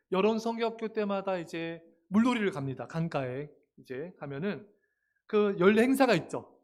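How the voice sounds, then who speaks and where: A male pastor delivers a Sunday sermon in a church, his voice sitting notably high for a man. He is emphatic and keeps turning to address the congregation directly. He weaves in humorous stories as he preaches. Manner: emphatic, often calls out to the congregation; humorous anecdotal storytelling. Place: church sanctuary.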